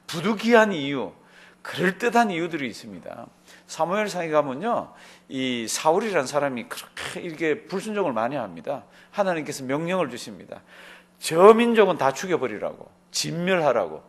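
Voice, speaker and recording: Male pastor, early-morning prayer sermon, fairly high voice with a lively rise and fall. Keeps asking the room questions and answering them himself. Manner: earnest, emphatic preaching.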